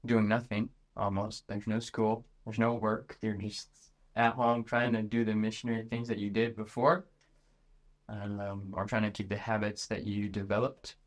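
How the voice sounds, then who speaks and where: A man's voice: fairly low pitch, level tone, normal speed. Shy young man from the Netherlands. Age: 20s. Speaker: guest. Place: sitting room with other guests.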